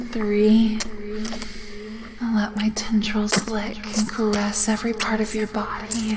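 A woman voicing a devoted, adoring tentacled female creature, speaking in slow, breathy whispers in an intimate audio roleplay. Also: mid-range voice. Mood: sultry whisper. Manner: slow breathy whispering, calls listener master. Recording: steady background hiss.

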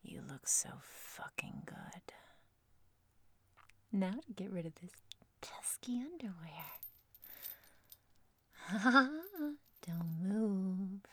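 A woman's voice: on the low side, no echo, full character voice. A woman playing a whispering, menacing stalker. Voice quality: breathy whispering with frequent giggles. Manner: slow, teasing, softly threatening. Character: obsessive menacing female stalker, teasing and controlling. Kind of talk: audio roleplay.

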